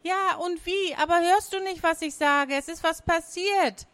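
A frightened young girl with a high, urgent voice, as a woman reads her. She speaks in a bright, rising pitch, breathless with worry. Storybook reading. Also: unhurried, dry recording.

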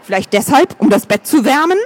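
A man's voice: very high-pitched, very animated, a little fast, pitched above the performer's own voice, exaggerated voice. A man voicing a prim, easily shocked woman in an audiobook. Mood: scandalized. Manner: scandalized, prim.

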